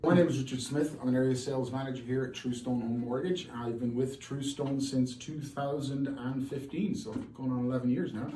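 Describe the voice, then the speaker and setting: A man's voice: mid-range voice, steady tone, fairly quick, few pauses, warm tone. A man in his forties with an Irish accent, chatting casually as a guest and telling stories. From Ireland. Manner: chatty, storytelling. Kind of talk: casual chat. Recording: echoey room from far off, faint noise.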